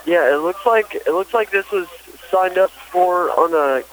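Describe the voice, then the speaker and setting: A man working as a customer service agent on a phone call, speaking in an informal, halting but reassuring way. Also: high-pitched.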